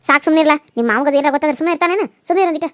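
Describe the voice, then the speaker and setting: A woman voicing a bossy elder sister in a cartoon serial, curt and hushing. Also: sits high, rapid-fire, no room sound, studio quality, lightly acted.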